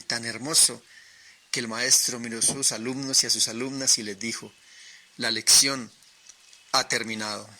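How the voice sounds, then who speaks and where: A man from Colombia telling short tales on the radio with expressive, dramatic pauses. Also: medium pitch. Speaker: storyteller. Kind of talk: oral storytelling on radio.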